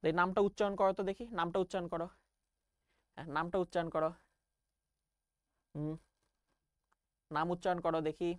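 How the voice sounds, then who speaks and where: A woman's voice: lowish voice, steady tone, a little fast, long pauses, clear, resonant tone, dry recording, clean studio sound. A young woman math teacher. She explains step by step and calls her students "baba" in an online class lecture.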